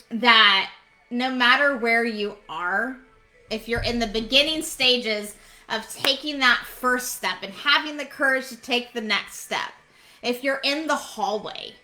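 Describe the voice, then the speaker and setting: A young woman speaks in a bright, fairly high voice, giving a heartfelt devotional talk. She is earnest and drives her points home by repeating phrases. Her emotion sits close to the surface as she speaks.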